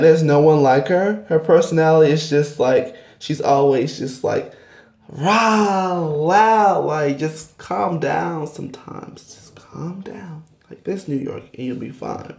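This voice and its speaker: A man's voice: medium pitch, a little mellow. A man from Georgia chatting casually about reality TV as a vlogger, rambling with many fillers. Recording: echoey room.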